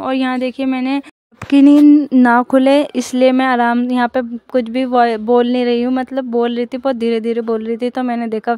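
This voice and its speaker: A woman's voice: high voice, a little mellow, clean tone, dry recording. A young woman chatting casually through a voice-over for her daily vlog, rambling and often starting with "so guys". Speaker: vlogger.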